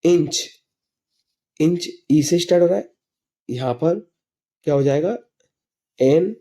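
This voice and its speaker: A man, teaching an English grammar lesson slowly and patiently, asking himself questions and answering them. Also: a little high, mellow. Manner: asks and answers his own questions while teaching; slow, patient explanations. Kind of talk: classroom lesson explaining grammar.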